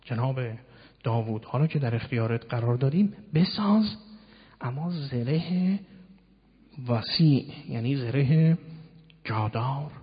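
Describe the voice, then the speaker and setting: Husky-voiced man preaching in an echoing hall. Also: medium pitch, animated, long pauses. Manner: didactic, explains word by word with rhetorical questions. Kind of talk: sermon. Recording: dull lo-fi sound in a long-reverb hall.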